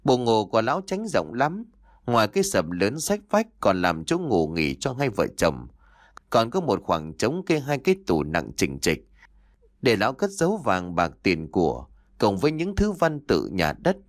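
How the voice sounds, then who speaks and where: A man narrating a ghost story in an expressive, dramatic reading voice. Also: lowish voice, dry recording.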